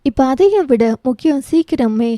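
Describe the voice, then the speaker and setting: A woman's voice: high voice, animated, normal speed, mellow, dry recording, studio quality. A woman voicing a caring adult woman who speaks in a practical, urgent way. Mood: anxious.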